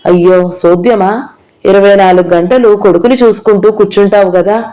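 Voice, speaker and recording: A loud, bossy village matron who teases and grumbles about money, as a woman reading a novel puts her on. The voice is mellow and dark in tone, with an even, middling pitch. She scolds freely and sounds set in her ways. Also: moderate pace, natural voice. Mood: scolding. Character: loud teasing middle-aged village woman, thrifty mother.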